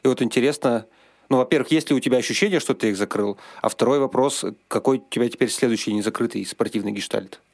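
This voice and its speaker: A man's voice: medium pitch, fast talker, no echo. A man hosting a podcast, asking curious, direct questions. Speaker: podcast host. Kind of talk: interview questions.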